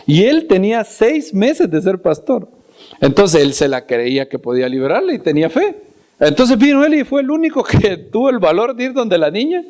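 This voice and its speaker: Animated storytelling preacher, a man. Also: high voice, moderate pace. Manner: animated, acts out scenes and voices; repeats words for emphasis. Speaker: preacher and Bible teacher. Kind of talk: storytelling sermon.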